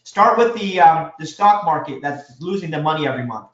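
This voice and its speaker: Man teaching a seminar, high voice, energetic, quizzes the room, echoey dull recording. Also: a little fast. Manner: energetic, quizzes the audience with questions. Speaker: real estate instructor. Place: seminar room with a live audience.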